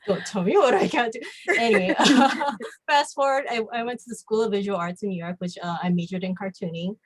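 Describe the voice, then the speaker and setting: Speaking a little fast at a medium pitch, this American woman from Hawaii chats informally about herself on a podcast. She's a comic book artist, and "like" turns up frequently as she talks.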